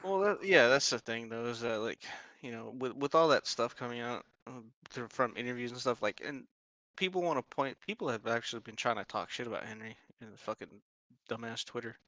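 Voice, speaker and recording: Young male co-host, bright forceful voice, blunt sweary rants, dry close mic. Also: medium pitch, a little fast, no echo, poor audio. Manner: blunt, sweary, ranting with many likes. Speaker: podcast co-host. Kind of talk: casual chat.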